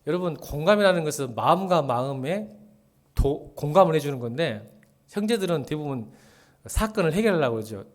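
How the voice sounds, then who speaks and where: A man's voice: on the high side, expressive, a little fast. A middle-aged male pastor giving a casual sermon, chatty and joking, who acts out dialogue and often drops to a murmur.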